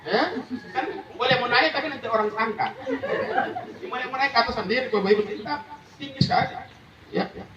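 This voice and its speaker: A man giving a humorous condolence sermon, acting out voices with high squeals and laughing often. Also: fairly quick, over a noisy crowd. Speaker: preacher at a memorial gathering. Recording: echoey hall, distant, muffled mic.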